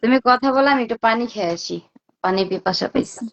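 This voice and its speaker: A woman's voice: a little high, fast, a bit bright. Chatty woman on dull lo-fi audio. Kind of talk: casual live chat.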